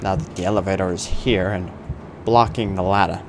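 A man in his twenties giving casual, halting, wry gaming commentary into a close desk microphone. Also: sits low, steady tone, background noise. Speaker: gaming video host. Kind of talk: casual let's play commentary. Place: small room indoors. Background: video game ambience.

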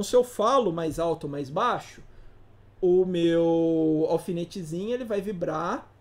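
An instructor giving a casual live class, informal and slangy, often putting rhetorical questions to the audience. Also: medium pitch. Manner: slangy, playful teaching asides.

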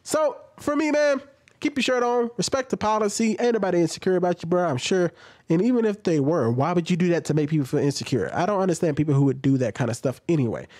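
A man's voice: sits high, animated, fast talker, a little mellow, dry recording. Thirties man, blunt home-vlog reaction commentator, filler-heavy talk, dry close-mic sound. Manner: blunt, conversational, many fillers. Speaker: commentary vlogger. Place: home room with shelves. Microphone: studio XLR mic on boom, close.

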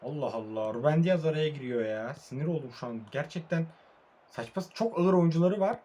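A young man, sleepy late at night, commentating his own football video game match in a casual way, calm one moment and frustrated the next. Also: a little high, brisk. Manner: casual, swings between calm murmuring and frustrated outbursts. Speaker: mobile football gamer. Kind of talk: live match commentary while playing.

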